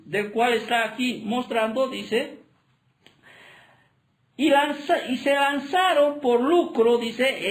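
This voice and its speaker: Male pastor, high voice, chatty sermon delivery, keeps asking listeners to follow along. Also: a bit bright, poor audio. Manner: conversational preaching, frequent tag questions; paraphrases dialogue in retelling.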